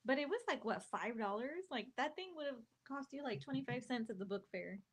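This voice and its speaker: A woman podcast co-host with a Texan accent, chatting in a lively way and reminiscing. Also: fairly high pitch, a little fast, husky. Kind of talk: casual chat.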